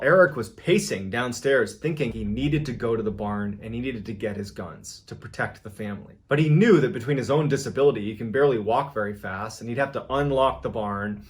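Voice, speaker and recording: A man of ordinary pitch narrates a frightening story, building the tension steadily and pushing his voice up when the danger peaks. A faint hiss of noise sits under the recording. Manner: tense, building suspense, quoting people in raised voices. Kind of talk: retelling a scary encounter.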